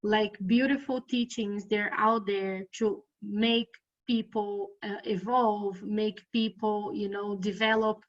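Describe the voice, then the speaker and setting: Slow, hesitant woman, lo-fi sound. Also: mid-range voice, flat delivery. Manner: hesitant, searching for words, many fillers. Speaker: study group member. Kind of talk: casual spiritual study discussion. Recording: dull lo-fi audio.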